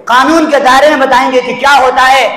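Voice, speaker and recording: A man preaching a passionate mosque sermon, exhorting the congregation and rising to shouts. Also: very high voice, level tone, brisk. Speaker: Islamic preacher. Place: mosque prayer hall. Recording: echoey mosque hall.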